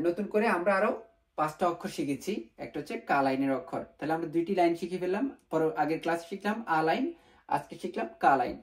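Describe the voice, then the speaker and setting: A man teaches a beginner class at an unhurried pace. He repeats each sound several times and asks himself questions before answering them. English words slip into his speech now and then. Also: fairly high pitch. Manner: patient and repetitive, drills sounds aloud, rhetorical questions. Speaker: language teacher. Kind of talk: step-by-step beginner lesson.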